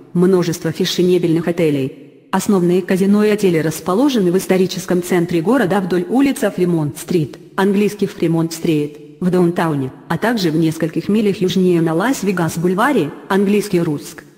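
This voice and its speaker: A text-to-speech robot voice reading an encyclopedia article aloud, with even, mechanical delivery that reads bracket notes out as words. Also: medium pitch, fairly quick, long reverb tail.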